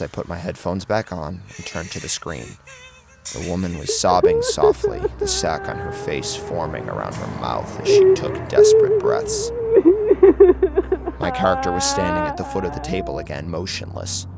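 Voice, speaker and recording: Over a clear music bed, a man tells a first-person horror tale in a scripted, theatrical, intense style. His voice sits low, swings hugely in pitch, and moves at a moderate pace.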